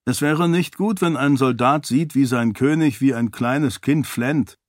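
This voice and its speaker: A man's voice: mid-range voice, unhurried, no echo, clean studio sound, natural voice. A man voicing a teasing, jovial young nobleman in an audiobook. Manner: teasing, laughing.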